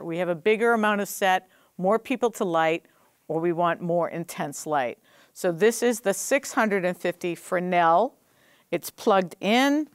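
A middle-aged woman teaches film lighting on a studio stage, explaining things practically while she operates the gear in a hands-on equipment demonstration. Her voice is mid-range and smooth, with no room sound.

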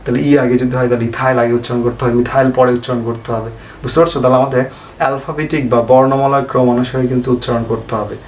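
A man's voice: medium pitch, fairly even intonation, racing. Man teaching a chemistry lesson in an echoey room. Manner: asks questions and answers them himself, repeats key points. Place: home room, fan switched off. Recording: echoey room, faint noise.

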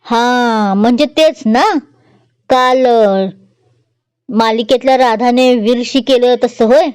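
A woman's voice: a little high, fairly even intonation, takes it slowly, a little mellow, clean tone, no room sound. A woman voicing a fussy old village grandmother. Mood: recalling. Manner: rustic village dialect, fussing.

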